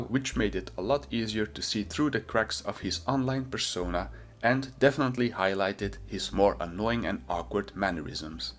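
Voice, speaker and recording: Man, medium pitch, scripted commentary narration, sardonic, mocking. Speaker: video essay narrator.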